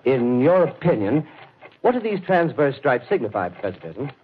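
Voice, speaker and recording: A man playing an earnest, courteous radio commentator reporting live in a 1930s drama, formal and deliberate with small hesitations. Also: mid-range voice, big pitch swings, lightly acted. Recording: tinny, noisy old radio broadcast.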